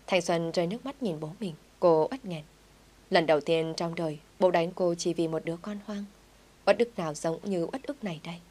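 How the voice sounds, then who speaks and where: A woman narrating an audio story in a gentle, reflective first-person reading. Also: fairly low pitch, fairly quick.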